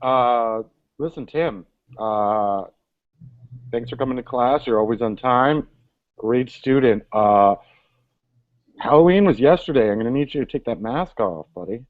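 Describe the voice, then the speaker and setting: A man playing a gentle but firm schoolteacher in improv comedy, awkward and coaxing. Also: medium pitch, animated, unhurried, pauses often, no room sound, phone-quality sound, close to an everyday voice.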